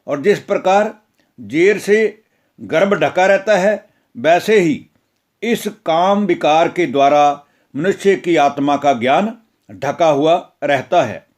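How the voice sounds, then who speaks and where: Guy doing a solemn god teaching, high voice, takes it real slow. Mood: instructive. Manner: measured, solemn instruction. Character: divine male teacher god, calm and instructive. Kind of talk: scripture retelling.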